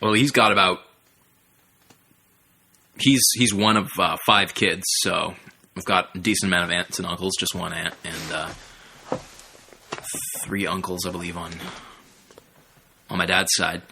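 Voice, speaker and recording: On a casual comedy podcast recorded in a bedroom under a bunk bed, a man who is both host and engineer chats in a mock-serious, hesitant way into shared podcast microphones. His voice is low, gravelly, and unhurried, with fairly even intonation, long pauses, and background noise.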